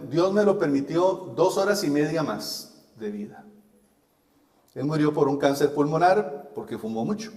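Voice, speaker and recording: Folksy Costa Rican preacher in echoey hall. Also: male voice, fairly high pitch, a little mellow. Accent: Costa Rican Spanish. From Costa Rica. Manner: folksy storyteller, laughs at himself. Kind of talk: sermon with personal testimony. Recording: echoey hall with long reverb.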